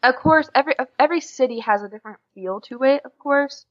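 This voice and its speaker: A young adult woman from Oklahoma in the United States talks casually as an interview guest on a podcast, where she's introduced as an exchange student. Her voice is high and she speaks fast. The audio is dull and lo-fi.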